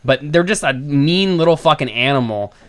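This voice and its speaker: A man's voice: a little high, animated, moderate pace. A man chatting casually as a podcast co-host in a rowdy, profane, slangy frat-bro manner. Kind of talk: casual chat.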